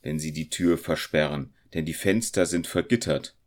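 A young traveling craftsman in a storybook who protests loudly, with his voice raised somewhat above the narrator's own, played by a man reading the tale. He sounds indignant. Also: very deep voice, moderate pace. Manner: loud, protesting. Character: indignant young male circle-smith, traveler.

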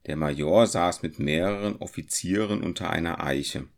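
Narrator low gravelly man, measured audiobook reading. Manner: calm, measured storytelling.

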